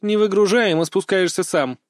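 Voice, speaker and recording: A man's voice: high-pitched, moderate pace, dry recording, studio quality, voice pushed up, natural voice. A man voicing a stern, curt woman ship captain in an audiobook. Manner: curt, sharp, strict. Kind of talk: audiobook character voice.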